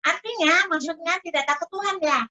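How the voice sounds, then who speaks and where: Very high bright-voiced lady butting in with questions on a kids' video call, muffled far-off sound. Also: brisk, soft background music. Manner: prompting, asks the teacher questions.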